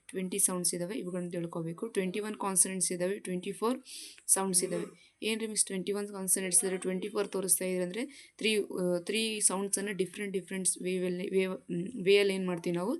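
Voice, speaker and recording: A woman with a Kannada accent giving a spoken English phonetics lesson, explaining patiently and repeating example words aloud. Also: fairly low pitch. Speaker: English teacher.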